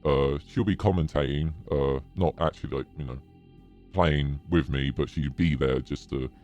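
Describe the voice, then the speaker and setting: Male livestreamer, very deep possessed demon voice via voice changer, casual chatty delivery, music underneath. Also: normal speed, a little mellow, dull audio. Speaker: streamer.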